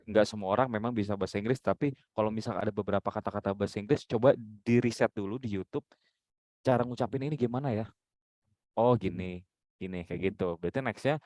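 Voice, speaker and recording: Low-voiced man giving frank coaching. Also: a little mellow, dry recording. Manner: direct, instructive, demonstrates intonation. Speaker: journalism mentor giving feedback. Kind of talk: coaching critique.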